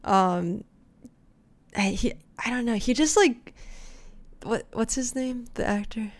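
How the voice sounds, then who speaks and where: A woman's voice: fairly high pitch, slow. Chatty young woman discussing films. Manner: chatty, filler-heavy, acts out scene quotes. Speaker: podcast co-host. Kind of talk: casual film discussion.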